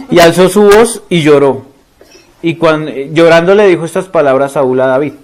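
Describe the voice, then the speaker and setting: A Colombian man delivers a conversational sermon, moving between scripture reading and loose, slangy retellings of it. He keeps turning to the congregation with questions. His voice sits somewhat higher than most men's. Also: a little slow, darkish tone. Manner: reads scripture aloud, then retells it in casual slang. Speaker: preacher.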